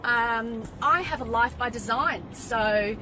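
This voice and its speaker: A woman in her forties, born in Wales and raised in Western Australia, chats freely in a slightly high voice, trailing off into ums and restarting her sentences. She sits inside a car, and vehicle noise hums clearly behind her. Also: takes it slowly. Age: 40s. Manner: chatty, with many ums and restarts. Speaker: guest, fitness business owner. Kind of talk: casual interview chat. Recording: car interior with road noise.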